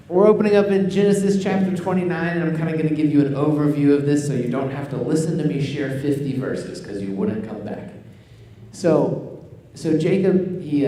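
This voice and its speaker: Joking young pastor in an echoey hall. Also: male voice, medium pitch, dark tone, far from the mic. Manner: joking, self-deprecating storytelling. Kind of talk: casual sermon. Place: church stage with audience.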